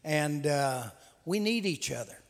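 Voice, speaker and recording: A man's voice: on the high side, lively intonation, unhurried. Folksy man in a big hall. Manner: folksy, repeats words, many "uh" fillers. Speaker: conference host. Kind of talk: conference announcements and testimony. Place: large hall with long reverb. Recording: reverberant hall sound.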